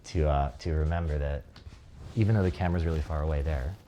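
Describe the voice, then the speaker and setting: A man with a close mic, speaking in a thoughtful and reflective way during a casual conversation, often pausing on fillers. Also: very deep voice, noisy background. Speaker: relating practice facilitator.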